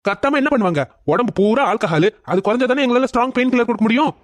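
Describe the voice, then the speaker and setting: An actor playing a calm hospital doctor who explains things in a reassuring way. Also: male voice, very high voice, very fast, dry recording.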